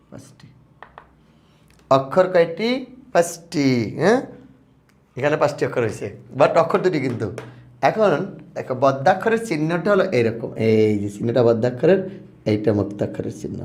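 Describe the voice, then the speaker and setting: A man teaching a grammar lesson to students, repeating terms slowly and asking them questions. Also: mid-range voice. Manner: drawn-out repetition of words for students.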